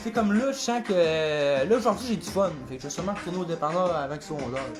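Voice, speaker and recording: A man's voice: a little high, lively intonation, fast, over music. A man with a Québécois French accent, a rapper chatting casually on a livestream and freestyling, rambling and swearing often.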